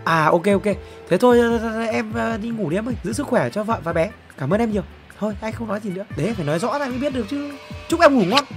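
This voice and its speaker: A young man, streaming himself opening player packs in a football game. He is excitable and swings from loud exclamations to low muttering. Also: fast talker, soft background music. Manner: excitable, exclamatory, jumps between shouting and muttering.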